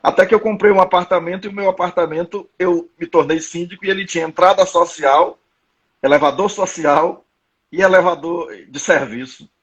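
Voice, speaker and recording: Husky Brazilian man in his fifties. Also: sits high, fairly even intonation, normal speed, highs cut off. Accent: Brazilian Portuguese. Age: 50s. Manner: conversational, anecdotal, restarts often. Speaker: live-stream host. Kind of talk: live-stream discussion.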